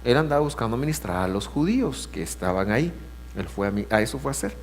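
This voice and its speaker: A man preaching in a lively, rising-and-falling voice, swinging from hushed asides to loud emphasis. His sermon rings with a long reverb through a church hall. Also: medium pitch, quick pace, faint music behind. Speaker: pastor.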